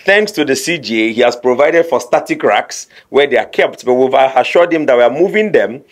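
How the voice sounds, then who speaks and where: A man, a radio guest explaining a court technology program with lively anecdotes. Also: medium pitch, brisk.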